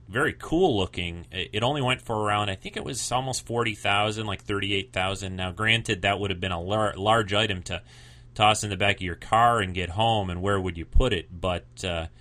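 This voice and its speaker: A man's voice: fairly low pitch, sharp tone. A man hosting a show with casual, rambling commentary, informal and a bit hesitant. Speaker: podcast host.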